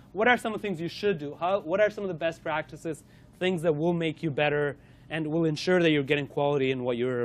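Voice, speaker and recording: At a corporate lunch-and-learn, a man with a slightly high voice hosts a playful quiz for a live audience, frequently stumbling into fillers and restarts.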